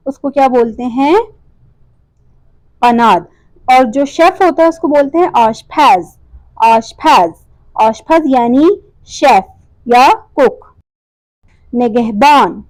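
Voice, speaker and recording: A woman teaching a language lesson over slides, repeating each word slowly and asking and answering her own questions. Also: high voice, darkish tone, no room sound, poor audio.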